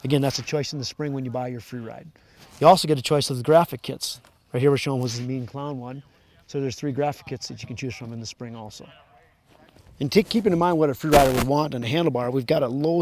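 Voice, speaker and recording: Outdoors in the snow at a sled event, a manufacturer's product rep walks around a snowmobile and plainly explains its features. He has a mid-range, darkish-toned voice, and there's slight background noise.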